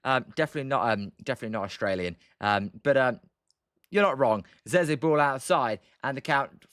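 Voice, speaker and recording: Brisk and smooth, a mid-range, slightly bright male voice carries a young British man's livestream, with clean, echo-free studio sound. Between chat replies he gives casual game commentary, rambling hesitantly with lots of um and uh.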